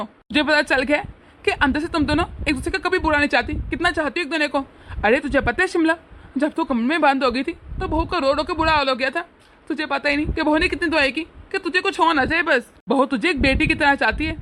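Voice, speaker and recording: A woman voicing a middle-aged father-in-law who schemes kindly and scolds in a fatherly way in an animated family drama. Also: high-pitched, a little hiss or hum.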